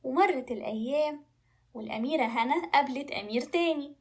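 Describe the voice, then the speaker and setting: A woman with an Egyptian Arabic accent narrating a bedtime story for children in a lively, animated way. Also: high-pitched, fairly quick.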